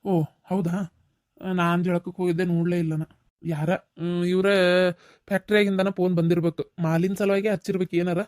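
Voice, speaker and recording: A woman's voice: on the low side, level tone, a little fast, a little mellow, no room sound, studio quality, lightly acted. A woman with a North Karnataka Kannada accent, playing an evasive middle-aged village husband who keeps making excuses. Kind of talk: village family drama acting.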